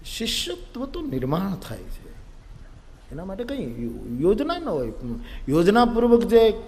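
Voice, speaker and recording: A man's voice: sits high, measured pace. A man with a Gujarati accent telling a humorous religious story in a sermon, acting out the characters' lines. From India. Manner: animated, acts out characters, audience laughter. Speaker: spiritual storyteller. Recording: long-reverb hall, live event.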